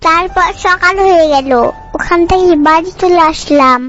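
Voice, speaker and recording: An extremely high, bright and forceful cartoon voice plays a bossy little girl who confidently spins absurd tall tales, scolding childishly in an earnest, dramatic mood at normal speed. It's comic cartoon dialogue in dull lo-fi audio with music behind it.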